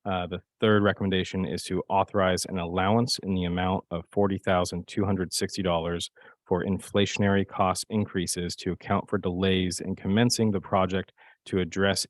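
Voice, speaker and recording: A man presenting as a project manager to a public board, hoarse and raspy from a cold, speaking in a steady, measured way. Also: sits low, no room sound. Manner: steady, measured delivery with occasional fillers. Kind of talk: formal staff presentation.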